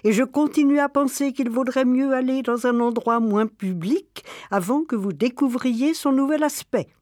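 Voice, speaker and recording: A woman voicing a calm, patient grandmother who speaks gently and at a measured pace. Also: high voice, no room sound, studio quality, natural voice. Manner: gentle, measured, sometimes hushed.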